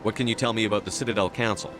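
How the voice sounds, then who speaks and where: A man's voice: lowish voice, fairly even intonation, racing, over loud music, close to an everyday voice. A man playing a blunt, inquisitive human hero in a science fiction game, speaking in curt, direct lines. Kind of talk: scripted game dialogue.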